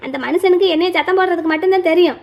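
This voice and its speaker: A woman's voice: very high-pitched, racing, dull audio. A woman voicing an older mother, tearful, stubborn and resentful. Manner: plaintive and resentful.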